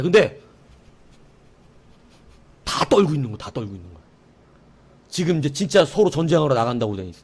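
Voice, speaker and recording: A middle-aged man preaching a sermon as pastor, telling a story with sound effects and asides to the congregation. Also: medium pitch.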